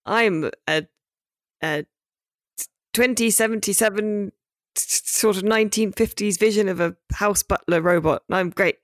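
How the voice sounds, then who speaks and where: A man's voice: high voice, moderate pace, no echo, clean studio sound, pitched above the performer's own voice, lightly acted. A man putting on a polite butler robot. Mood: chirpy. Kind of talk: casual chat, quoting a game character.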